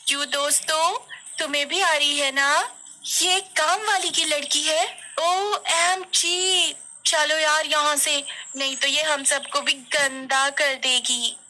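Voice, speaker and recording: A woman's voice: high-pitched, fairly even intonation, slow pace, bright, forceful tone, pitched above the performer's own voice, heavily acted. A woman voicing a spoiled, snobbish schoolgirl who bullies a poor classmate, sneering and mocking.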